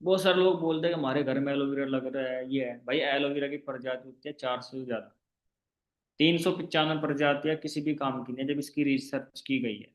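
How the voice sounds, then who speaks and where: A man giving an online sales training class, making a persuasive pitch full of rhetorical questions and constantly checking that listeners follow. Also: fairly even intonation, brisk, reverberant, lo-fi sound. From India. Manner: emphatic, rhetorical questions, keeps asking listeners if they follow. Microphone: online class call.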